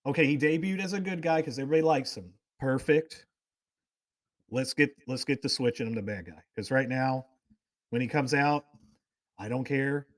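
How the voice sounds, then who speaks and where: Hosting a casual talk show, a man tells enthusiastic, rambling fan stories full of tangents. His medium-pitched voice keeps a moderate pace, and the studio-quality sound has no echo.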